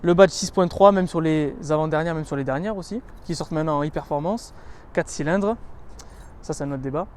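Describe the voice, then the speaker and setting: A man presenting a car in a casual walkaround, chatty and descriptive, running through features with lots of "so" and "uh" and stressing what excites him. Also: on the high side, brisk, a little hiss or hum. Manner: chatty and descriptive, listing features with many connecting "donc"s and "euh"s. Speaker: car reviewer.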